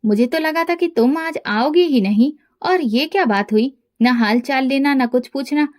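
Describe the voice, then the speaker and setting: A woman's voice: sits high, moderate pace, close to an everyday voice. A woman voicing a middle-aged mother who scolds her daughter but cares for her family. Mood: scolding. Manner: chiding, reproachful.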